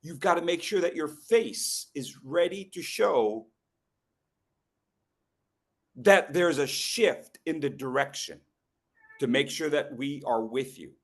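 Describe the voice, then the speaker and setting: A middle-aged man giving a humorous talk on storytelling to a live group, teasing people in the room and slowing down with pauses for emphasis. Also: fairly high pitch, expressive. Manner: playful, teasing the audience, quick asides. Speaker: educational speaker at a club meeting.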